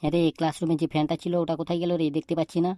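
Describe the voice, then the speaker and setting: Cartoon teacher, male, stern and threatening; woman voices him low, dark and fast, flat delivery. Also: no echo, clean studio sound, lightly acted. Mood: scolding. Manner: threatening, interrogating, quick-talking. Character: stern, scolding male schoolteacher. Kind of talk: cartoon voice acting.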